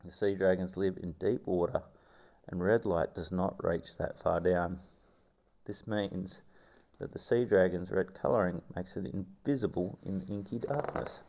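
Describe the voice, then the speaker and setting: A man reading nature documentary narration in a gravelly voice, now and then stumbling over a word. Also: low voice, fairly even intonation, a little slow, darkish tone. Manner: stumbles over words and scientific names. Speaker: video host.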